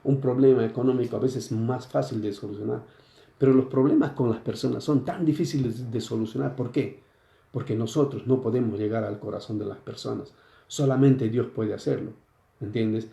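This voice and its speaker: Gravelly dark-voiced preacher. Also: male voice, medium pitch, fairly even intonation, moderate pace. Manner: explains scripture with frequent rhetorical questions. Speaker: pastor. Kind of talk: sermon. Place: church sanctuary. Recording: echoey church room.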